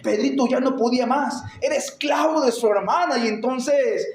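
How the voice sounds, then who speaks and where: A man preaching a sermon, telling a story and then building to shouted, urgent exhortation. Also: extremely high pitch, moderate pace. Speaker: pastor. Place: church sanctuary. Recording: echoey church hall.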